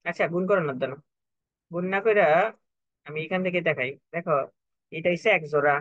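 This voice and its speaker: A young man teaches a math lesson, breaking each step down patiently and repeating himself to make sure students follow. His voice sits slightly high for a man. The recording is dry and dull, like a lo-fi online class. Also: fast talker, a bit bright, no room sound. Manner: patient, repetitive, checks for understanding. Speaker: math tutor.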